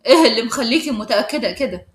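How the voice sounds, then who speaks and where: A woman with an Egyptian accent voicing a protective teenage schoolboy who talks in a calm, firm way. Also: a little high, fast, reverberant. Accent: Egyptian Arabic.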